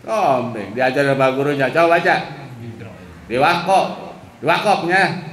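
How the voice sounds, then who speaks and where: A male Islamic teacher gives a slow, explanatory religious lesson, chanting Quran verses as examples. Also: on the high side, fairly bright tone. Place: boarding school study hall. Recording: echoey room with faint background noise.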